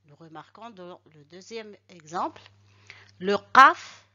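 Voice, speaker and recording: A woman teaching Arabic letters and short vowels, speaking slowly and deliberately and pronouncing each syllable carefully for learners to repeat. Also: medium pitch, lively intonation, sharp tone. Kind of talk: slow instructional lesson. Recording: dull lo-fi recording.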